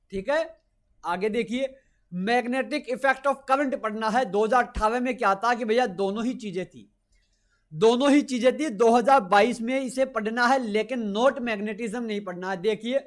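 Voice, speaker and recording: Man, very high-pitched, physics teacher, emphatic, repetitive, exam-prep lecture. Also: a bit bright. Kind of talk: exam-prep lecture over screen notes.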